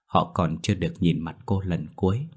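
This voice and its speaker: A man narrating a ghost story in a somber, measured way. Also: sits low, darkish tone, breathy edge.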